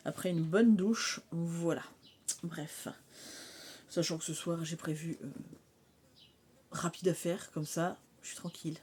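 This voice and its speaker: A woman's voice: fairly low pitch, steady tone, a little slow, pauses often, darkish tone, breathy edge. A woman in her thirties chatting casually in a home vlog, rambling with many fillers and sometimes dropping to a whisper. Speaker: vlogger. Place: mobile home on a hot day.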